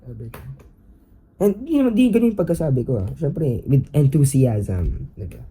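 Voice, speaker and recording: A man's voice: medium pitch, normal speed, slightly rough, rough recording. A young Filipino man hosting a podcast, telling a story casually in mixed Tagalog and English with lots of fillers. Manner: animated, Taglish chatter with many fillers. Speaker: podcast host.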